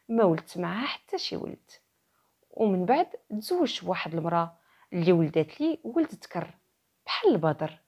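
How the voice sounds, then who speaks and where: A woman's voice: medium pitch, darkish tone, breathy edge. A woman with a Moroccan accent voicing a sorrowful old sheikh who earnestly recounts his tale in a folktale. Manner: earnest, storytelling.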